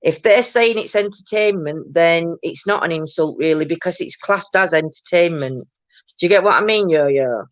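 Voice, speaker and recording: On her paranormal chat livestream, a booming, loud-voiced woman rambles at a moderate pace while going through viewer comments, restarting constantly and tossing in "do you know what I mean." The sound is dry, dull, low-fi and free of echo.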